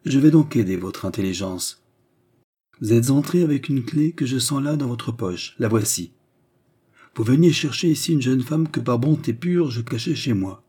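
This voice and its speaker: An all-knowing count speaks with icy irony and calm command, as a man reads him in an audiobook. The voice is dark and husky, a little raised in pitch. It carries quiet authority. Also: moderate pace. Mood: ironic. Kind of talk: audiobook reading.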